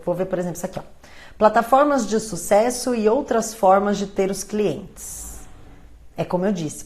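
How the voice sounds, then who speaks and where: A woman with a Brazilian Portuguese accent hosting a casual live Q&A, blunt and animated, acting out phone calls as she answers viewer questions. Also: medium pitch.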